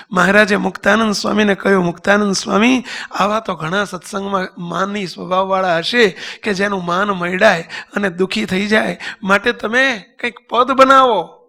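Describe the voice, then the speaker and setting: A man preaching a devotional sermon, telling a story with voiced characters and slowly sung verses. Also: sits high, vocal fry, sharp tone. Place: temple congregation.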